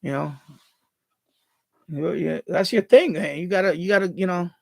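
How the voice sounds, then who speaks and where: Here a man with a high, creaky voice speaks at normal speed in a Bronx New York accent; he was born in Puerto Rico and raised in the Bronx. Hosting a live stream, he chats casually, reads viewer comments aloud, and rambles, frequently restarting his words.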